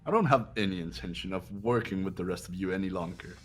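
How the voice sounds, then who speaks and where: This man talks fast in a low voice near his everyday register, soft background music behind him. He plays an arrogant young heir in a fan-voiced video game playthrough, cold and haughty, with formal, condescending speech.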